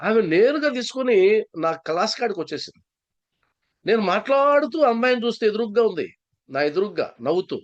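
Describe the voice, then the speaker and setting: A man's voice: sits high, sing-song, fairly quick, dull audio. A man from Andhra Pradesh, a spiritual speaker and psychologist, telling a story in a satsang talk and repeating key phrases for stress.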